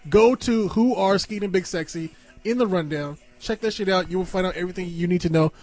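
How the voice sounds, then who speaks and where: A man's voice: high-pitched, brisk, darkish tone. A man co-hosting a podcast with casual, swear-heavy banter. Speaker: podcast co-host.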